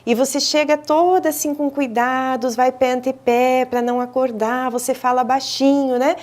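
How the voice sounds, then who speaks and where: A woman with a Brazilian Portuguese accent speaks as a guest expert on a studio talk show, her voice sitting a little high. She explains things in a teacherly way, stopping on small hesitant fillers and starting phrases over as she goes. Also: steady tone, normal speed, a little mellow. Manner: didactic, with frequent hesitant fillers and restarts. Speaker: speech therapist and professor, interview guest. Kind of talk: explanatory interview answers. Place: television studio.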